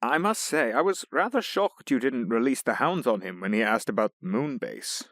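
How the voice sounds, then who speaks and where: Man acting as Alfred, a droll, animated butler. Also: medium pitch, moderate pace. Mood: bemused, droll. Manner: formal, dry, droll. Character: droll, formal male butler, wryly bemused by his employer. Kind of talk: audio drama acting. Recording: clear hum and clicks behind voice.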